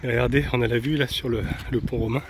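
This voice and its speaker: A man from France filming a casual travel vlog outdoors on a handheld camera, chatty and relaxed, with soft laughs and hesitant fillers. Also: mid-range voice, fast, heavy background noise. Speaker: travel vlogger. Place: outdoors, walking around a van and an old town.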